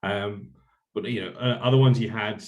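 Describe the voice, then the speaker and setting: A man's voice: fairly low pitch, steady tone, normal speed. A man hosting a podcast, asking long, chatty questions with many fillers. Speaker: podcast host. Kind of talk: casual podcast interview.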